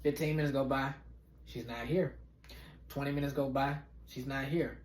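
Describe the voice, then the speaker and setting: A man's voice: mid-range voice, fairly even intonation, normal speed. A man in his late twenties hosting a podcast, telling a profane storytime and acting out every character. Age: late 20s. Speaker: podcast host. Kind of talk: storytime monologue. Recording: roomy echo.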